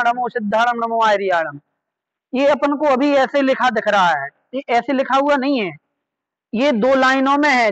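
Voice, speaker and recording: High-voiced, slow, patient male teacher. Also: fairly bright tone, lo-fi sound. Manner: patient, repeats key words and quizzes the listeners. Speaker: religious studies teacher. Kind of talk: online scripture class.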